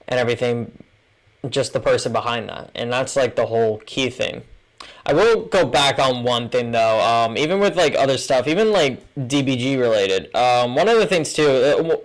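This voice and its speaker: Rambling young man, smooth clear voice. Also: mid-range voice, poor audio. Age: 20s. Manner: rambling, heavy use of filler words. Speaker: podcast co-host. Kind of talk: casual chat.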